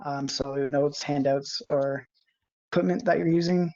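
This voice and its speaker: A cadet flight sergeant giving a lesson over a video call, hesitant and monotone. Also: medium pitch, measured pace, slight background noise. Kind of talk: online class lesson. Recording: muffled video call audio.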